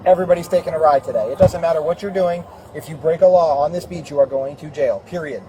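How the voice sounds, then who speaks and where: Man in his forties, police officer, high pitch, authoritative roadside lecture, blunt, noisy outdoor bodycam. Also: quick pace. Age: 40s.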